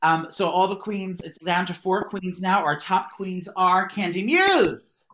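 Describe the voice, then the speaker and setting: A man's voice: high-pitched, lively intonation, measured pace, bright, forceful tone, a little hiss or hum. A man hosting a podcast in casual gossip chat, his voice distant because he is far from the phone mic in a bigger room. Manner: chatty, gossipy. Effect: voice far from the phone mic, held away. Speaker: podcast host. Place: larger room.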